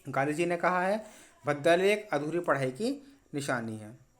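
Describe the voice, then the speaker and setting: A man with a slightly raised pitch talks through exam questions in a quick, instructive way. He checks in often with short confirmations and keeps stressing which answers matter. It sounds like a study lesson for students. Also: animated. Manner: brisk, repeats "important" and "ठीक है". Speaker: teacher.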